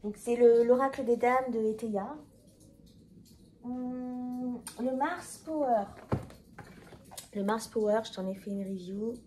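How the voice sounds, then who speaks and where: A woman's voice: on the high side, slow, long pauses, dark tone, a little hiss or hum. A woman chatting casually to her viewers, rambling with fillers and self-corrections. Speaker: tarot video creator. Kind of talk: casual talk to camera.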